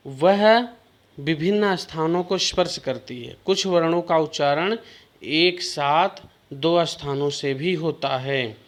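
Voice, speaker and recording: A male teacher with a fairly high voice takes an unhurried pace through a class lesson. He explains each point patiently and keeps checking that his students are following. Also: fairly bright tone. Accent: Hindi. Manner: slow, repeats "ठीक ना" as a check-in.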